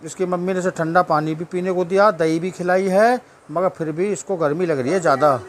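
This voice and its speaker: A man's voice: sits high, fairly quick. A man chatting casually at home, narrating his pet dog's antics and talking fondly to the dog.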